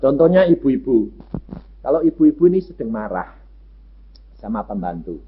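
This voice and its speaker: A man preaching a sermon, telling stories lively and acting out the voices of people in them. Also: mid-range voice, moderate pace, breathy edge. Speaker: pastor. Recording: muffled lo-fi recording.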